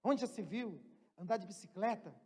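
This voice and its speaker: High-voiced man preaching in an echoing church. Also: animated, normal speed, breathy edge. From Brazil. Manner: swings from loud preaching to quiet asides, jokes with the congregation. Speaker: pastor. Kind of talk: sermon. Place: church hall. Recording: long church reverb, faint music.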